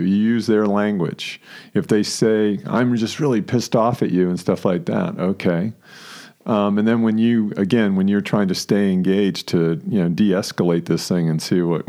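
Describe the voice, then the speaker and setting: A man with a very deep voice co-hosts a relaxed conversation. His tone is mellow and dark. He chuckles often and slips into quoted lines as he explains. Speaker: podcast co-host. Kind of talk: casual conversational talk.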